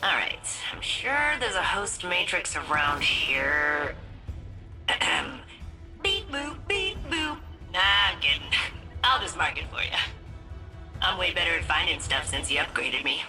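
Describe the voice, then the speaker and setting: An actress playing a chatty, joking ship AI in a video game. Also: female voice, on the low side, very animated, sharp tone, soft background music, full character voice. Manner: chatty, joking, quick asides. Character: chatty female ship AI, jokey and eager. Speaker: game character. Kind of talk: video game cutscene dialogue.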